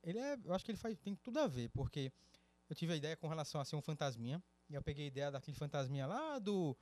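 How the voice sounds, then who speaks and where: Dude talking fast on a podcast, highish voice, chatty storytelling. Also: male voice. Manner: storytelling, lively recollection. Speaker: podcast co-host. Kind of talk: casual podcast chat.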